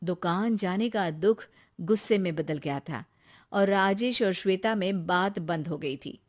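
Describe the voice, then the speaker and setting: A woman giving scripted narration for an animated bedtime story, in an even, plain storytelling manner. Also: on the low side, unhurried.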